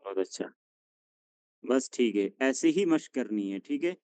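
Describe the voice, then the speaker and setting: Man, language teacher, patient, encouraging drills, gentle corrections, dry close sound. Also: mid-range voice, lively intonation, unhurried, smooth, no echo. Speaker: Arabic teacher. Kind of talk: classroom drilling lesson.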